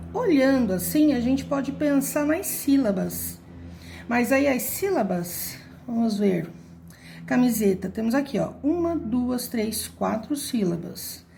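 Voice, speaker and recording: A woman's voice: high voice, dark tone. A woman teacher patiently explaining a word puzzle step by step, counting syllables and letters aloud.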